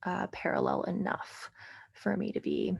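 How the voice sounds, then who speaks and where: A woman's voice: medium pitch, flat delivery, unhurried, vocal fry, slightly rough. A young woman tutoring through test logic questions, thinking aloud with many fillers and a dry, sarcastic aside now and then. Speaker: LSAT tutor.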